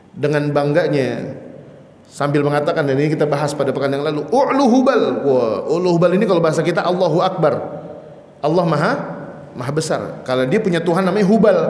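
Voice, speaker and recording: A male preacher giving an Islamic study lecture, telling the story with animation and acting out shouted quotes. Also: high-pitched. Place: mosque hall. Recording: echoey mosque hall.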